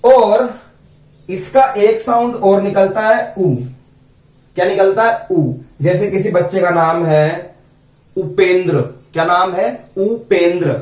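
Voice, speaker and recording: Male teacher, high voice, far from the mic in an echoey room, patient phonics drills. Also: a little mellow. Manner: slow, repeats sounds and asks students questions. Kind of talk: phonics lesson.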